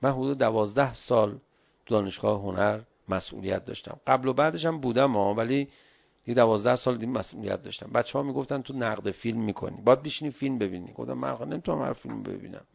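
A middle-aged man giving an animated, pleading religious talk in the style of a sermon, recorded on dull lo-fi audio. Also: medium pitch, vocal fry. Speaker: religious lecturer.

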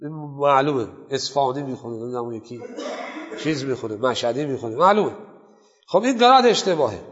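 A man's voice: mid-range voice, expressive, a bit bright, big-room sound, lo-fi sound. A man teaching a seminary class on jurisprudence. He asks his students questions and then answers them himself. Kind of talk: Islamic jurisprudence class lecture.

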